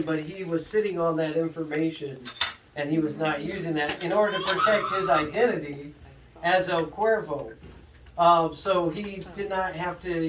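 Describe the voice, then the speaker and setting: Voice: mid-range voice, slight background noise. A game host explaining a murder mystery solution to a group like a detective revealing the culprit, building suspense before naming names. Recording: echoey, distant, chattering crowd in room.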